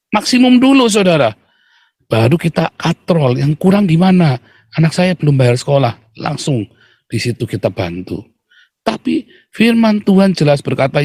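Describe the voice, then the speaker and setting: A male pastor preaching with a tinge. His voice sits a bit high for a man and comes across close and dry. He keeps addressing the congregation directly and mimics whining people with quick mocking voices. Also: slightly rough, no echo. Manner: animated, addresses listeners as "Saudara", acts out complainers in mocking voices. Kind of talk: sermon.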